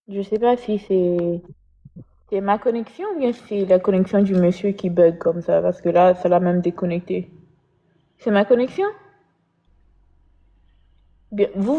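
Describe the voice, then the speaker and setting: A woman's voice: lowish voice, normal speed, long pauses, dark tone. Chatty young woman hosting a live stream. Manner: chatty, switches between French and English. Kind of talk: casual live-stream chat. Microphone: laptop or phone on a live stream. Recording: dull lo-fi stream audio.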